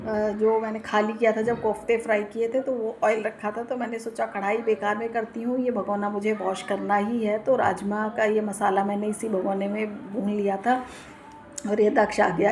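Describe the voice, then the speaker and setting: A woman's voice: a little high, darkish tone, a little hiss or hum. A woman, narrating a voice-over for her home vlog, chatty and homely, explaining each step. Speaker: vlogger. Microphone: recorded voice-over.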